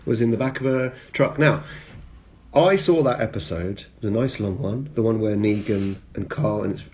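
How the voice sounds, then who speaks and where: A man's voice: on the low side, normal speed, dull audio. A man co-hosting a podcast, chatting casually in a sweary, sarcastic way, recorded on a phone with poor sound quality. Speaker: podcast co-host. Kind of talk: casual banter. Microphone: iPhone.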